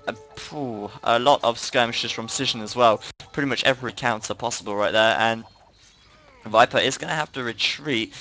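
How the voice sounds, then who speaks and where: A man's voice: mid-range voice, bright, forceful tone, rough recording. A tired man giving live play-by-play commentary on a strategy game, with frequent fillers. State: tired, yawning.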